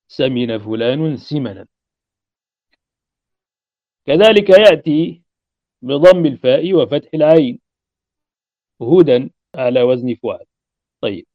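A man of middle pitch teaches a grammar lesson, reciting verse and then walking through examples at an unhurried, patient pace. He clears his throat now and then and checks that students follow. The recording is dull and lo-fi, with a dry, close sound. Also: dry recording. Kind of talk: recorded lecture explaining a grammar poem.

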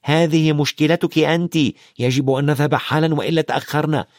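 Guy doing a cranky teen boy, snappy, high voice, dry. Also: steady tone, quick pace, no echo, natural voice. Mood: irritated. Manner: snappish, angry. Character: irritable hot-tempered schoolboy.

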